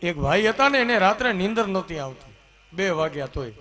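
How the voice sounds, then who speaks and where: A man preaching a religious story discourse, in an animated manner that rises to loud exclamations. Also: high-pitched, fairly quick, soft background music. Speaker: katha preacher. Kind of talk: sermon storytelling.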